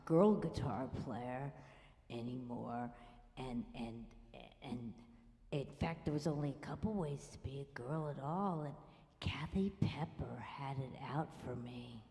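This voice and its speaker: A woman singer-songwriter telling wry, self-deprecating autobiographical stories with hushed asides in a live musical revue on a small club stage. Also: deep voice, big-room sound.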